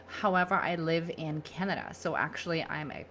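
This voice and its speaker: A woman's voice: deep voice, moderate pace, a bit bright, slight background noise. A middle-aged woman from Germany, hosting a live-streamed wellness talk in a chatty, upbeat way with frequent fillers. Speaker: holistic nutritionist hosting a live challenge. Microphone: own microphone.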